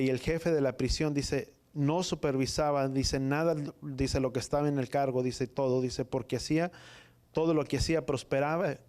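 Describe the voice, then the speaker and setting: A man preaching a sermon, reading scripture in halting phrases and repeating "dice" between them. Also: a little high, darkish tone. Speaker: pastor.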